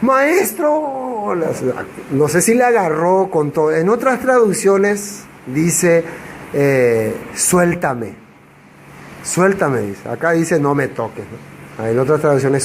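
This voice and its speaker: A man's voice: fairly high pitch, unhurried, a little hiss or hum. A man teaching a Bible passage verse by verse, who asks rhetorical questions and answers them himself. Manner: acts out quoted dialogue in changed voices.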